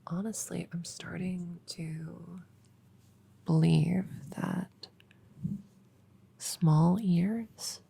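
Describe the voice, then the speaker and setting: Casting: a woman to play an awkward, soothing elf girl, soft-spoken ear cleaning ASMR role-play, mellow and lowish, unhurried rambling delivery. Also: fairly even intonation, exaggerated voice. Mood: gently teasing, fond. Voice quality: breathy, soft. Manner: hesitant, rambling, gently soothing. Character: nerdy, friendly, awkward young female elf cleaning ears.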